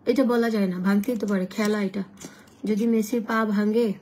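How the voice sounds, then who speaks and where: A hoarse woman chatting casually with viewers on a live stream and pitching offers from her shop. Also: fairly even intonation, normal speed, darkish tone. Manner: chatty, addresses viewers directly, switches to sales pitch.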